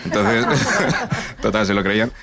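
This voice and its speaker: A man's voice: fairly low pitch, fairly even intonation, measured pace, a crowd in the background. Nigerian man doing stand-up. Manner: laid-back storytelling, laughs at own jokes. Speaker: stand-up comedian. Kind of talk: stand-up comedy set. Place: comedy stage with live audience.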